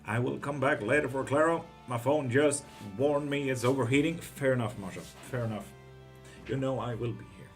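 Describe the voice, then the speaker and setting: Faint music plays behind this medium-pitched man from Greece as he runs a live tarot stream. He reads out comments from viewers, chatting loosely with plenty of swearing and quick bursts of laughter in an easygoing manner.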